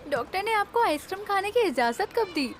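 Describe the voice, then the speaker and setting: A woman's voice: very high-pitched, sing-song, fairly quick, slight background noise. A young woman voicing an indignant, scolding studio manager in a drama dub. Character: sharp-tongued young woman manager, protective.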